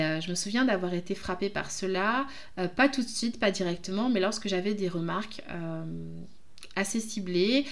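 A French woman hosting her own podcast, speaking in a reflective, hesitant way with many pauses. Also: mid-range voice. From France. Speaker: podcast host, jurist. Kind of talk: casual podcast monologue.

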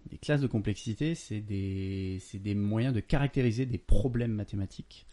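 A man's voice: fairly low pitch, moderate pace, mellow. A man explains a science concept on a casual podcast. He speaks patiently, feeling his way with small hesitations as he goes.

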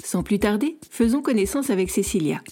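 A woman podcast host and author introducing a story reading in a calm, measured way. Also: mid-range voice.

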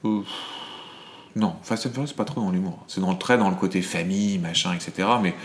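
Middle-aged male film reviewer, fairly low pitch, measured and explanatory, many restarts. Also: slight background noise. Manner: hesitant, thinking aloud with many restarts. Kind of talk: casual chat.

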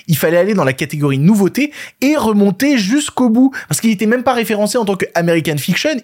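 A French man hosting a casual film podcast, sarcastic and ranting. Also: high voice. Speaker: podcast host. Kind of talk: casual film news chat.

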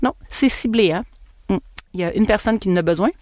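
Animated Québécoise podcast host, dry close mic. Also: female voice, a little fast, no echo. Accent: Québécois French. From Quebec. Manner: animated and playful, swooping pitch, laughs at herself. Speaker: podcast host and NLP coach. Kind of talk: casual solo podcast monologue.

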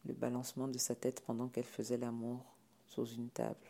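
A man reading a comic story aloud in a wry, deadpan narration. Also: mid-range voice, fairly quick, gravelly.

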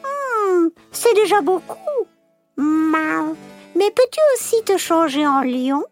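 A crafty little female cat purrs out her schemes in a very high, childlike voice that climbs and dips widely. She speaks slowly and sweetly, dropping meows between lines. Gentle music plays underneath. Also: full character voice. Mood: coaxing. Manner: slow, coaxing, flattering. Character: clever sly female cat, small, bold. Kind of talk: storybook character acting.

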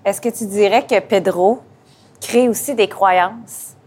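A woman's voice: medium pitch, slow, darkish tone, slightly rough. A woman hosting a live podcast, chiming in with short remarks and follow-up questions. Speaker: podcast host.

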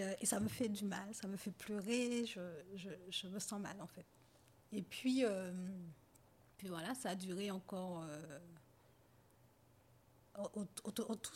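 A woman guest on a podcast, telling her personal story in a halting, hesitant way that often trails off quietly. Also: mid-range voice. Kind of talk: personal testimony in conversation.

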